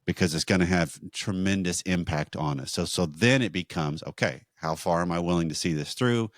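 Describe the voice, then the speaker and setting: A man co-hosting a marriage podcast, teaching in a measured, explanatory way with rhetorical questions. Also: low voice, no room sound, clean studio sound.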